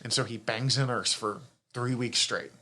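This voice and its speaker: A man's voice: mid-range voice, normal speed, pushed and bright. A man co-hosting a podcast, chatting casually about a TV series, swearing freely and laughing often. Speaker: podcast co-host. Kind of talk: casual review chat.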